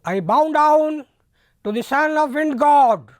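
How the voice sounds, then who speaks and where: A man giving a devotional discourse as a spiritual teacher, who talks slowly and deliberately and repeats words for emphasis. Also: very high-pitched, expressive, dry recording, studio quality. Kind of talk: devotional discourse with pronunciation lessons.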